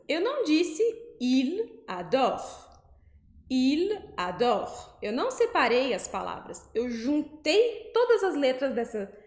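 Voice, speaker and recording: A Brazilian Portuguese-speaking woman teaching French pronunciation, slowing down to spell out syllables. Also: sits high, reverberant. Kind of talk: pronunciation lesson.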